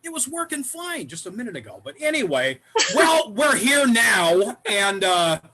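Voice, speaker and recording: A man's voice: high-pitched, very animated, unhurried, bright, forceful tone. A man presenting a comedy show with theatrical opening patter.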